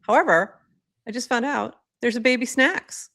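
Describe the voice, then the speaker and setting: A woman's voice: on the high side, normal speed, fairly bright tone. A woman co-hosting a casual podcast chat, chatty with frequent fillers and laughs. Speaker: co-host.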